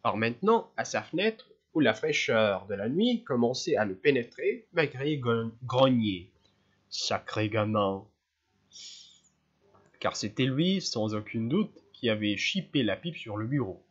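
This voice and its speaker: A man reading a novel aloud in a measured, storytelling way. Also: mid-range voice, very animated, slightly rough. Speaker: reader. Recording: slightly dull lo-fi sound.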